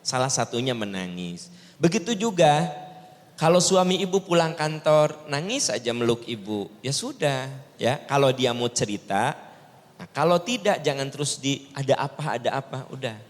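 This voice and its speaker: A man preaching a sermon with a Sundanese accent, lively, sometimes jumping into high mimicking voices. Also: moderate pace. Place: large mosque hall. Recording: long reverb of mosque hall.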